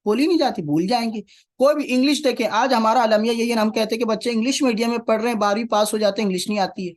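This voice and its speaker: A man teaching Quranic Arabic, repeating key phrases and putting rhetorical questions to his class. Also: extremely high pitch. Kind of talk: classroom lecture.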